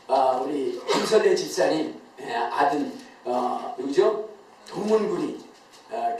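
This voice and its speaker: A man's voice: on the high side, darkish tone, slight background noise. A male pastor gives a Sunday sermon with emphasis. He quizzes his congregation and often laughs as he talks. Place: church sanctuary. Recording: very echoey church, voice from far off.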